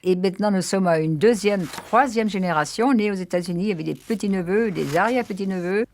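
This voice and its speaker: A woman speaking in an interview in a chatty, relaxed way. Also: medium pitch, a little fast, slight background noise.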